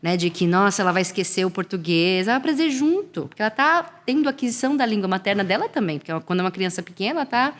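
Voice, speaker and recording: A woman in her thirties, a school coordinator, talking in a lively conversational way. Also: mid-range voice, rapid-fire, hardly any pauses. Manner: animated, acts out children's voices in examples. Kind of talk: conversational interview.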